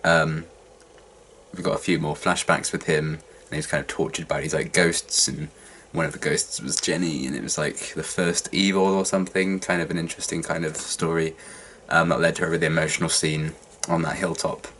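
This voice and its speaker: A young man chatting casually to viewers as a reaction vlogger, husky and congested with a cold and sore throat, sounding worn out and hungover. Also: extremely low pitch, little pitch movement, a little fast, fairly bright tone, a little hiss or hum. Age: young adult.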